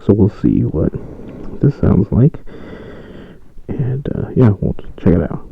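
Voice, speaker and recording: A man vlogging casually from inside a closed motorcycle helmet, his voice muffled as he quietly tests a clip-on mic. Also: lowish voice, very animated, gravelly, slightly rough. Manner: quiet, halting, thinking aloud. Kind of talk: casual demo chat. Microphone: small clip-on mic inside the helmet. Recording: roomy echo.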